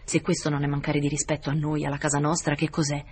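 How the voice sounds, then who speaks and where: A man's voice: on the high side, completely flat delivery, fast talker, darkish tone, slight background noise, lightly acted. A man voicing a proud, cold noblewoman who speaks with cutting scorn, in a storybook reading. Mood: scornful.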